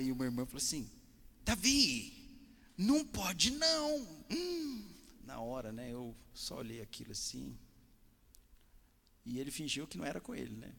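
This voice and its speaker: Brazilian pastor guy, lively storytelling sermon, echoey church hall. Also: medium pitch, gravelly. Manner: lively storytelling, acts out dialogue. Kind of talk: sermon with personal stories.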